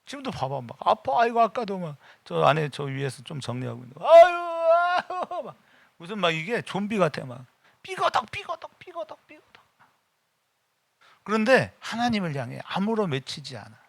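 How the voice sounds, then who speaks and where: A middle-aged male pastor preaches in a church with a bright, forceful, gravelly voice. His pitch swings widely as he goes from casual, personal talk to loud prayers. The sound is dry and close. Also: very animated, brisk, dry recording. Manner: emphatic and personal, mixing casual speech with sudden loud bursts of prayer. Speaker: senior pastor. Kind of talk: afternoon church sermon. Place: church sanctuary.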